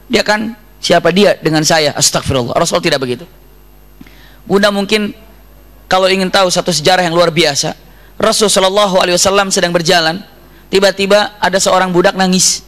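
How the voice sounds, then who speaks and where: A male preacher giving a storytelling sermon to a women's study group, animated and full of religious exclamations. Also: high voice, brisk, long pauses. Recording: long hall reverb.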